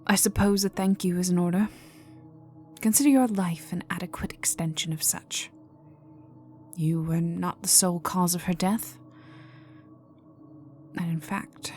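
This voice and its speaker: In a dark, intimate ASMR roleplay backed by music, a woman lightly acts a cold, vengeful vampire aristocrat, a young heiress in mourning. Her fairly low voice moves very slowly, formal, imperious and menacing, often sinking to a whisper, with a grudging, vengeful mood.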